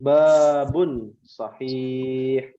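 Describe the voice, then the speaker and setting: A man teaching an online language class to women, patiently drilling questions with drawn-out prompts and repeating the answers back. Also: mid-range voice, level tone, dark tone, highs cut off. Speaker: Arabic teacher.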